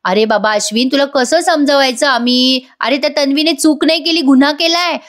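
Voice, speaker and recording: A stern middle-aged mother scolds her grown son, voiced by a woman. The tone is high and sharp in reproach. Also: fairly quick, close to an everyday voice. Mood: scolding.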